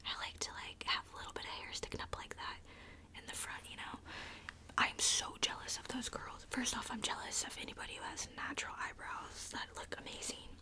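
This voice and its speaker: A woman's voice: brisk, pushed and bright. A young woman whispering casually through an ASMR makeup routine, chatty and filled with little likes and asides, close to a handheld camera mic. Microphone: close camera mic, handheld filming.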